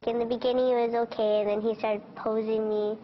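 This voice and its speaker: Brief: young woman, disguised altered voice, flat delivery, muffled lo-fi interview clip. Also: on the high side, fairly quick. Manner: hesitant, casual speech with fillers. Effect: voice electronically altered to disguise her identity. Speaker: interviewee in a news report. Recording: dull lo-fi news audio.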